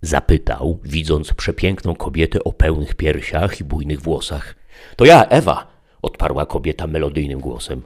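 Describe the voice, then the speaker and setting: A man narrating an audiobook story in a measured, expressive way. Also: rumbling low, slightly rough.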